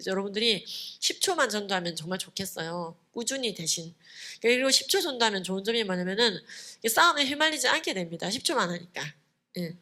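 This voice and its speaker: A woman delivers a conference lecture to a church audience with a bright, forceful voice. She is emphatic and lively, and she drives her points home with storytelling and short affirming asides. Her pitch sits at an ordinary middle level.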